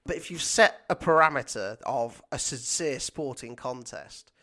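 Male co-host, dry and wry, mid pitch, brief replies. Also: expressive, unhurried, bright, forceful tone. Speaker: podcast co-host. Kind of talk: casual wrestling discussion.

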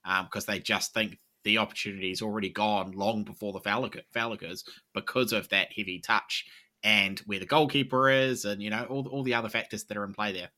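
Bright-voiced man weighing it up. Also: on the low side, steady tone. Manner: measured, reasoned, repeats "I think". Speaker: podcast co-host. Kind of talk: casual sports podcast chat.

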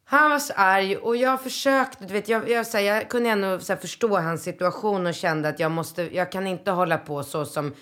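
A woman, co-hosting a podcast and chatting casually with quick restarts while acting out quoted voices. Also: medium pitch, a bit bright. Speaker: podcast co-host. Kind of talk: casual chat.

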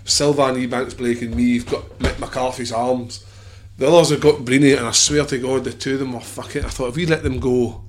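A man's voice: medium pitch, fairly even intonation, a little fast, noisy background. A man telling casual anecdotes in an emphatic, sweary way.

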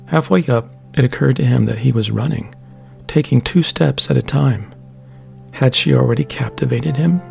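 Brief: male audiobook narrator, steady descriptive reading, gravelly, mid-pitched.

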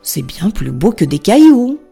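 A woman's voice: medium pitch, big pitch swings, measured pace, creaky, dark tone, husky, faint music behind, exaggerated voice. A woman voicing a young boy who makes plain, earnest remarks. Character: young boy, hopeful and practical.

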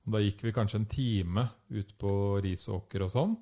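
Casting: lower-voiced man, animated storyteller, acts out quotes. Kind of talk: casual storytelling chat.

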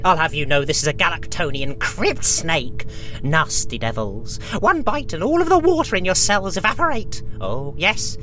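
A performer voicing a gloating comic villain in an audio drama, theatrical and excitable, stammering when flustered. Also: medium pitch, normal speed, faint music behind. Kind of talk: comedy audio drama acting.

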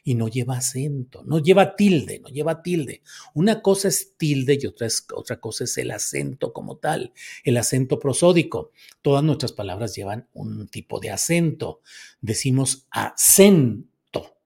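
A man's voice: mid-range voice, sing-song, creaky, darkish tone, husky. A man with a Mexican accent hosting a casual commentary, reading viewer comments and answering them in a chatty, sardonic way. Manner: chatty, sardonic, drawn-out emphatic words.

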